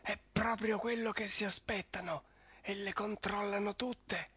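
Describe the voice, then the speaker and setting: A man reading a story and voicing a scheming male rat in a breathy half-whisper. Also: sits high, fairly even intonation, a little slow, sharp tone, dry recording, voice pushed up, full character voice. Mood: urgent, hushed.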